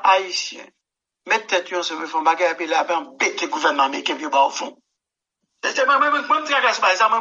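Casting: man, musician guest, high and very bright voice, rambling and emphatic, dull lo-fi recording. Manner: rambling, emphatic, keeps saying "mon cher". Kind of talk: interview answers.

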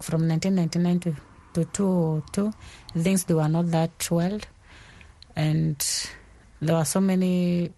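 A woman's voice: lowish voice, creaky, mellow, dry recording. A young woman athlete from South Sudan in her twenties, answering interview questions hesitantly and searching for her words. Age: 20s.

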